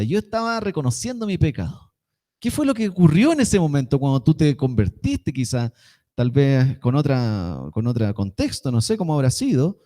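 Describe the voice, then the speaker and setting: A man's voice: high voice, mellow. A young man with a Chilean Spanish accent preaching a sermon, telling a personal story in a casual, slangy way.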